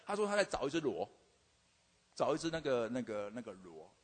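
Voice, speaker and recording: A man's voice: mid-range voice, sing-song, fairly quick. An older man, a university teacher, tells a humorous testimony about his students, stammering and repeating himself with frequent "OK" fillers. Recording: long hall reverb.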